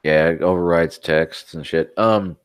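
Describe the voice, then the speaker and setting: A man's voice: low-pitched, steady tone, a little slow, clear, resonant tone, no room sound, studio quality. A man co-hosting a tech podcast, chatting casually, rambling through stories and swearing now and then. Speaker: podcast co-host.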